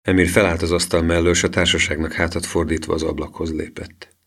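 Deep-voiced male audiobook narrator. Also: flat delivery, a bit bright. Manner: measured storytelling, changes voice for each character.

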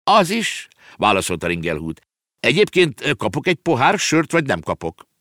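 A jovial, eccentric uncle, as a male reader plays him bursts out in a raised, loud and lively voice. He is teasing and full of fanciful talk, a storybook pharmacist who never grows up. The sound is dry and close. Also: medium pitch, dry recording, voice pushed up. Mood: jolly.

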